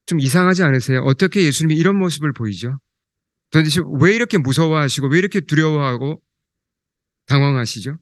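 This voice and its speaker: A man preaching as pastor who asks his congregation questions and slows down, quieter, when reading scripture. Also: mid-range voice, dry recording, studio quality. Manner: slows down and drops soft when quoting scripture. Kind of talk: sermon.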